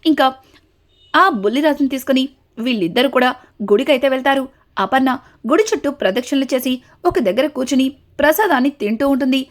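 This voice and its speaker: A woman with a notably high voice tells a TV serial episode as a story. She moves steadily from one event to the next, tying them together with the same linking words again and again. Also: a little fast, long pauses. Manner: steady retelling, links events with repeated connectives.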